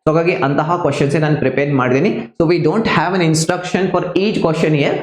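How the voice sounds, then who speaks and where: A man's voice: on the high side, moderate pace, roomy sound. A man teaching an online exam-prep class, explaining grammar step by step and switching between Kannada and English, with a Kannada accent.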